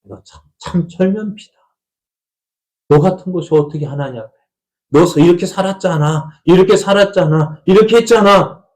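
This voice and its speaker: A man's voice: high-pitched, normal speed, a little mellow, pitched above the performer's own voice, natural voice. A man voicing a taunting male devil who jeers and needles a sinner, in a sermon. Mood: mocking. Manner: jeering, needling.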